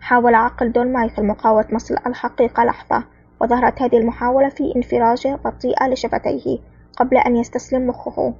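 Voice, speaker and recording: A woman narrating a spy novel aloud in a brisk, even reading. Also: fairly high pitch, vocal fry, husky, no room sound, muffled recording. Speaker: audiobook narrator.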